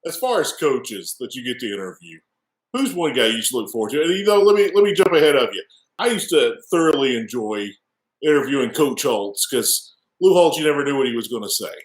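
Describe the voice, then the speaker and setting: Male talk-show host, lively up-and-down delivery, stammers, echoey room. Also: medium pitch, fairly quick. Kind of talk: casual interview chat.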